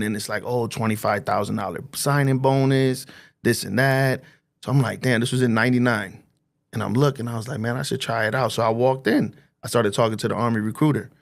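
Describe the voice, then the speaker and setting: Gravelly New man telling stories. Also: fairly low pitch. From New Jersey. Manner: streetwise and profane, acting out dialogue. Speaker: guest. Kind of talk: casual storytelling.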